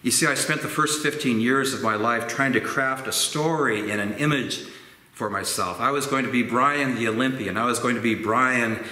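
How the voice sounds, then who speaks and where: A man in his sixties, a pastor with a mid-range voice, reflects gently and slowly through a sermon while gesturing expressively. The setting is a church sanctuary with organ pipes, recorded by a fixed camera at medium distance, with echo and faint background noise.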